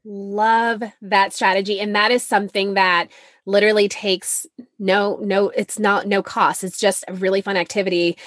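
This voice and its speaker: A woman's voice: mid-range voice, level tone, normal speed, a bit bright, no echo, clean studio sound. A woman hosting a podcast, responding to her guest with effusive, enthusiastic praise. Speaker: podcast host. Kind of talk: conversational interview.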